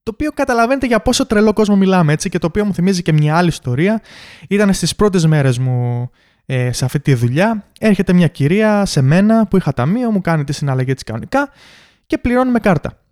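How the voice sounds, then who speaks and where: A young man hosts a casual monologue about his work, talking in an animated way. He acts out the customers in his stories, and his voice sits a little high for a man. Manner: animated, mimics customers in quotes. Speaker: podcast host.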